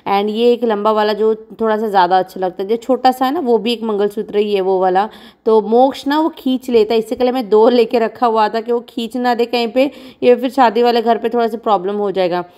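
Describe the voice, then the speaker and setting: A woman's voice: a little high, steady tone, brisk, mellow. A woman in her thirties from India, a vlogging mother chatting frankly and rambling as she talks over her own footage. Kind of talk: casual chat narrating vlog footage.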